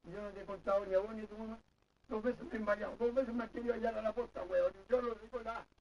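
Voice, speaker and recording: Chilean man, very high voice, lectures and curses nonstop, heard from far off on a dull recording. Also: steady tone, fast, a little mellow, slight background noise. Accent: Chilean Spanish. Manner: scolding, swears constantly, repeats himself. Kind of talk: heated comic argument.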